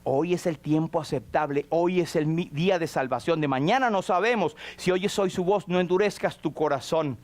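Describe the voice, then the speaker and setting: A man's voice: on the high side, normal speed, few pauses, darkish tone. A man preaching a sermon as pastor, acting out quoted prayers and dialogue. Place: church.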